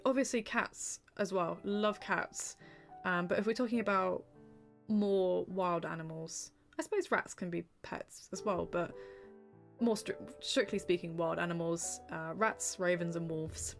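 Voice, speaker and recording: Gravelly-voiced woman chatting on stream. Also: lowish voice, a little slow, soft background music. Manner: rambling, reading out chat, many ums and soft laughs. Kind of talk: casual livestream chat while drawing.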